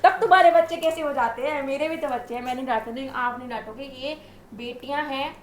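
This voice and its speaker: Talkative high-voiced woman guest. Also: brisk, echoey room, slight background noise. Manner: talkative, animated storytelling. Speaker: interview guest, wife. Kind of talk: casual interview chat.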